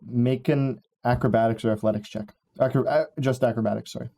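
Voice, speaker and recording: A man's voice: medium pitch, fairly even intonation, a little fast, creaky, warm tone. A man narrating as game master of a tabletop game, rambling with many fillers and laughing at his own jokes.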